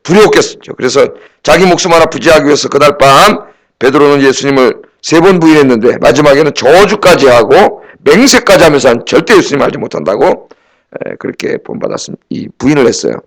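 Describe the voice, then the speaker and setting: A man's voice: a little high, fairly quick. A middle-aged male pastor delivers a sermon in a chatty, conversational style, his voice sitting a little above the usual male range. He keeps throwing rhetorical questions at the congregation and slips into acted-out dialogue. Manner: acts out quoted dialogue.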